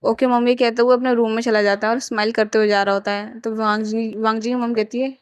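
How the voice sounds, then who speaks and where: A woman narrates a romance fan story in an easy, chatty way, often stopping to restart a sentence. Her voice is smooth and clear and sits a little high. The sound is close and dry. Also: flat delivery, fast talker, no room sound. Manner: plain conversational retelling with frequent restarts.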